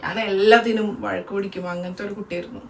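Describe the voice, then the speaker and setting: A young Malayali woman as co-host in a casual question-and-answer chat, speaking boldly and loudly. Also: medium pitch, rapid-fire, gravelly. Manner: bold, loud, animated. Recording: distant mic with faint noise.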